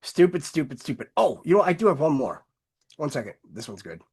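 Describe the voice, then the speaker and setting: A host talks in an unscripted, casual way to viewers. The voice sits at a middle pitch. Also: very animated, fast, a little mellow, husky.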